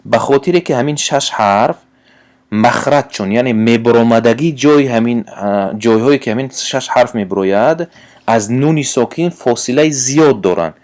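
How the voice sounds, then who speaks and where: A man with a Tajik accent teaching a lesson on Quran recitation rules, patient and halting, pausing often and sounding out letters slowly. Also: mid-range voice, a little mellow. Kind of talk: tajwid lesson.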